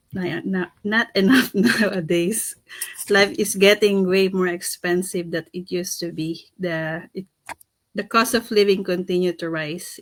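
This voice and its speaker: A woman from the Philippines co-hosting a talk show, speaking hesitantly with frequent pauses and restarts. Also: mid-range voice, no room sound. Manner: hesitant, many um's and restarts. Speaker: co-host.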